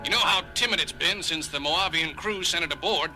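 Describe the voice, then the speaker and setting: An actor playing an irascible, sarcastic starship doctor, grumbling and excitable, in an audio drama. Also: male voice, fairly high pitch, fairly quick, close to an everyday voice. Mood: agitated. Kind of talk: dramatic audio theater acting. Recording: music under the voice.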